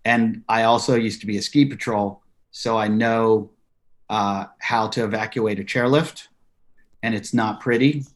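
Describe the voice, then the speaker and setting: Animated male comedian guest. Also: fairly low pitch, a little slow. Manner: animated storyteller acting out quotes. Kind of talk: podcast interview.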